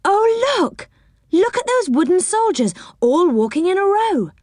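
A woman playing a thrilled little girl, high and squealing, her voice jumping all over. Dry and close. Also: very animated, measured pace, no echo. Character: excited young girl.

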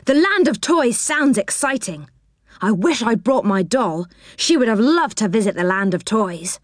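Excited young girl, high and breathless, read by a woman. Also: measured pace, no echo, studio quality. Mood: thrilled.

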